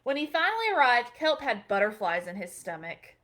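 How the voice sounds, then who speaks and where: A woman, a children's librarian, reading a picture book aloud at bedtime in a gentle, expressive storytelling manner. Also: fairly high pitch, fairly quick.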